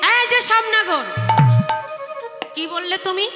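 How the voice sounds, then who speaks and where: A woman's voice: extremely high pitch, normal speed, voice pushed up. Woman playing a fiery young woman attendant. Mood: angry. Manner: scolding, emphatic retorts. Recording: echoey hall with live music.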